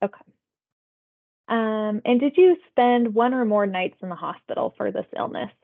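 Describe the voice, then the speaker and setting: This public health phone interviewer is a woman whose slightly high voice carries vocal fry. She goes through survey questions at normal speed, politely, procedurally, and conversationally. The audio sounds tinny, as if over a phone.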